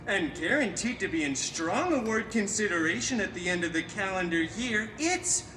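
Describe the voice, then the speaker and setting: A man in a high, animated voice, carrying a slight hiss or hum, plays a campy, self-admiring masked antihero at a live theme park show. Telling children a story with suspense and theatrical swagger, he swings from big dramatic lines to quick sarcastic asides and banter. The sound is echoey, with loud music in the background.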